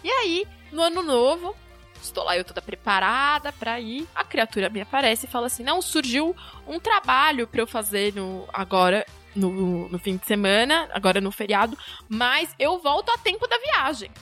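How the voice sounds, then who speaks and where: A Brazilian woman telling a personal story in casual chat, acting out the quoted lines with lively energy. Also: fairly high pitch, moderate pace, faint music behind. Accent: Brazilian Portuguese. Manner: animated, acts out quoted dialogue. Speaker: storyteller guest.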